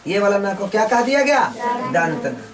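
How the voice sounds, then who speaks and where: A woman teaching a lesson. She asks each question, then answers it herself in slow, repeating drills. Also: mid-range voice, very animated, distant mic, a crowd in the background. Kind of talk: classroom lesson with call-and-response drills.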